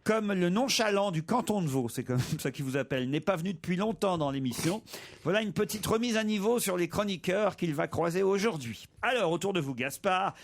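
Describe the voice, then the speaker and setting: A man's voice: sits high, gravelly. A man hosting a comic radio show, reading out joking introductions in a mocking way.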